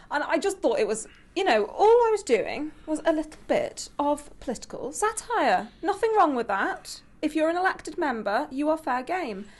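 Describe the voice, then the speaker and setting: A woman co-hosting a podcast, telling anecdotes in casual, informal conversation. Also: mid-range voice. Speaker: podcast co-host and opinion writer.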